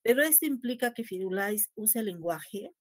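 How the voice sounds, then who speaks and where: A woman's voice: mid-range voice, animated, normal speed, no echo, clean studio sound. A woman teaching a linguistics class, asking her students questions and tagging nearly every phrase with a questioning "¿no?". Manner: asks the class questions and acts out lines to her pet dog. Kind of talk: lecture to a class.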